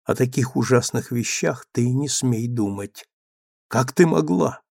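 Brief: male reader doing a cold young husband, stern and abrupt, gravelly, in a dry booth. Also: mid-range voice, a little slow, a little mellow, no echo. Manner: cold, abrupt, rising to exasperation. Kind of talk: audiobook character reading.

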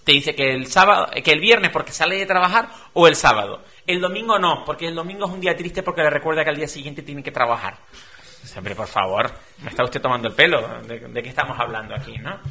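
A middle-aged man from Spain talks as a guest on a radio talk show. His voice is bright and forceful and sits a bit high for a man. He keeps it animated and conversational, with lots of rhetorical questions and playful quoted voices. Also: fast talker. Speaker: guest speaker.

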